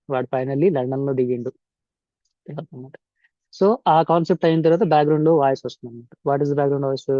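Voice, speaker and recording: A man's voice: mid-range voice, mellow, no room sound, highs cut off. A man with a Telugu accent giving an informal step-by-step tutorial voice-over, switching between Telugu and English mid-sentence and repeating instructions. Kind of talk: informal software tutorial narration. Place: indoor voice-over for screen recording.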